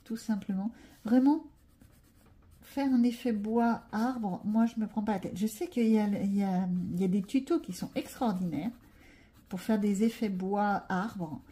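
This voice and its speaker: Woman, French accent, mellow dark voice, chatty, self-mocking, casual tutorial. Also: medium pitch, measured pace. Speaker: coloring vlogger.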